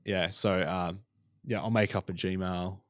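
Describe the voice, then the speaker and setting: A low-pitched man chatting casually as a podcast co-host, recorded dry and close on a studio mic. He talks in a relaxed, rambling way, leaning on fillers like "yeah" and "um". The sound is plain and without any room echo. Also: unhurried. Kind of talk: casual chat.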